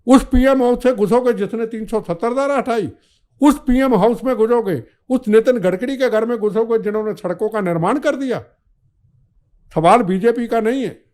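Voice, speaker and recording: An older man talks with heat and fire, building each point through insistent repetition. His voice sits high for a man. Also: moderate pace, darkish tone. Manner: fiery, declamatory, repetitive rhetoric. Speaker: podcast guest, former minister. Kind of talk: impassioned political talk.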